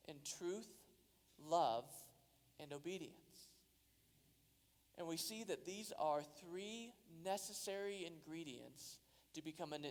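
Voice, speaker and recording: A man's voice: fairly high pitch, darkish tone. A man preaching a sermon as a pastor, earnest, and his voice rises for emphasis. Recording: long hall reverb.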